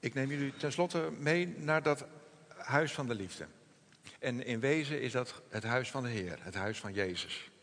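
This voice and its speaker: Soft-spoken pastor in a reverberant hall. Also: male voice, medium pitch. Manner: gentle, reflective, slows and softens on quoted words. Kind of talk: sermon.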